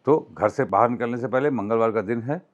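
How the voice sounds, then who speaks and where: A man's voice: medium pitch, fairly quick, dull audio. Man in his fifties reciting numbers. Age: 50s. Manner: rattles off long strings of numbers in a steady recital. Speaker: astrologer. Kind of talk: teaching from personal notes.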